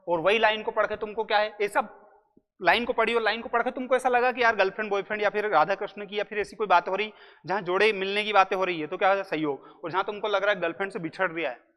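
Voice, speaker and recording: A man's voice: high voice, a bit bright. A man teaching grammar in a casual, joking lecture, talking to students like a big brother. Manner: chatty, jokey, addresses students as brother. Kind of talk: casual exam-prep lecture. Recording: muffled lo-fi audio in a reverberant room.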